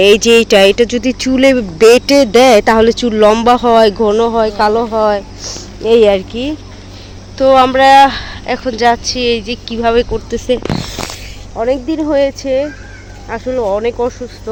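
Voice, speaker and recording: A young woman, chatting to her viewers as friends in a casual family vlog and gently coaxing her little child, walking outdoors in a village with a phone camera. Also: on the high side, slight background noise. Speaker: vlogger and mother.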